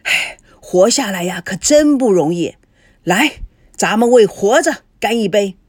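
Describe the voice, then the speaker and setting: An elderly survivor telling old war stories over drinks, drawling and sighing between phrases, voiced by a woman narrator. Animated pitch, dry close sound. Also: unhurried, no room sound. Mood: reminiscing.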